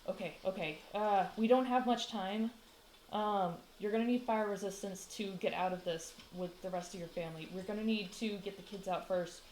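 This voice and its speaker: A woman's voice: medium pitch, normal speed, darkish tone, a little hiss or hum, lightly acted. A woman voicing a bold young woman adventurer who speaks urgently and gives commands during a rescue, in an echoey room.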